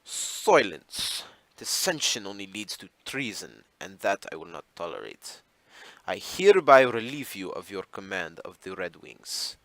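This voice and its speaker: A man's voice: low-pitched, sing-song, unhurried, a bit bright, no room sound, exaggerated voice, rough recording. A man doing a stern, imperious king. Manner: imperious, curt orders. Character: stern commanding male king.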